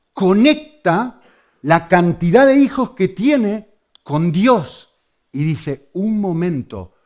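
A man from Argentina with an Argentine Spanish accent, preaching a sermon in an animated way and asking his listeners questions. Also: mid-range voice. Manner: animated, asks the audience questions.

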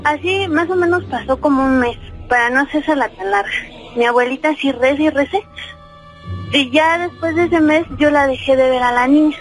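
High-voiced Mexican woman caller. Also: moderate pace, soft background music. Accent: Mexican Spanish. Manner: chatty, many fillers like "este" and "¿no?". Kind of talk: telling a personal story on the phone.

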